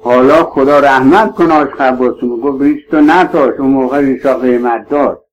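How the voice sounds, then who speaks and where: A man's voice: mid-range voice, fairly even intonation, low-quality recording. A man preaching a sermon to his listeners, emphatic and pleading, swearing oaths to stress his points.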